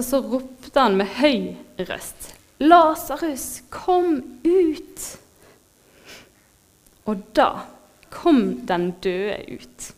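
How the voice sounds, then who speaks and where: Woman preacher, fairly high voice, heartfelt and moved, halting sermon delivery. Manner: heartfelt, moved, laughs softly, pauses with fillers.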